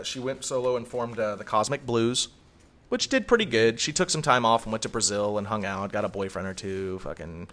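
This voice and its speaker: A man's voice: medium pitch, fairly bright tone. A middle-aged man chatting casually on a podcast, telling a story in a rambling, profane way. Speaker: podcast co-host. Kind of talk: casual chat.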